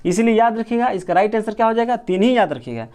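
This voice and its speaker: High pitched guy teacher running thru quiz questions, says the answer then asks it again, very repetitive. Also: animated, quick pace, a little mellow. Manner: colloquial with regional words like gō. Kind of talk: exam question walkthrough lesson.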